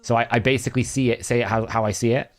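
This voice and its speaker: Rapid-fire speech with little pitch movement marks this mid-range male voice. He's a Welsh-speaking streamer from Wales narrating his gameplay casually, thinking out loud and correcting himself often.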